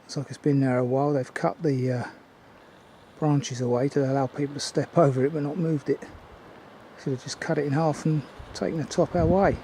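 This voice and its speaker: An older man giving a casual, unhurried, observational commentary as he films a walk outdoors. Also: on the high side, steady tone, mellow, poor audio. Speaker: hiking vlogger. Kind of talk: casual walking commentary to camera. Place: outdoors on woodland and mountain trail. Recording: outdoor ambient noise.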